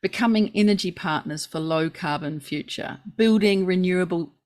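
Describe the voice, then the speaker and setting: Earnest New Zealand woman, lower voice. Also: normal speed, darkish tone. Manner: earnest, informative, lists facts and reports at length. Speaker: podcast co-host. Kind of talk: casual podcast chat.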